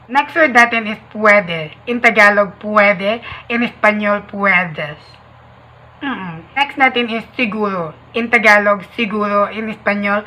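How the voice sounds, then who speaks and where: A woman's voice: medium pitch, bright, forceful tone. A woman with a Filipino accent chatting casually on her vlog, often repeating phrases and humming "mm-mm" between them. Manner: playful, repeats phrases with hummed "mm-mm" asides. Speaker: vlogger.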